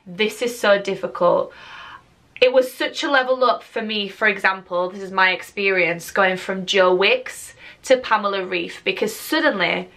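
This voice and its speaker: A woman's voice: medium pitch, moderate pace, few pauses, a bit bright. A young woman from the UK, chatting enthusiastically to camera as a YouTuber. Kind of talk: casual vlog talk to camera.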